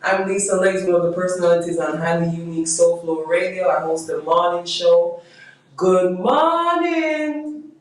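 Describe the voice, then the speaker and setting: A woman's voice: on the low side, little pitch movement, a little mellow, heavy reverb. Female radio host as guest, upbeat and playful, distant mic in a ringing room. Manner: bubbly, playful, quick to laugh.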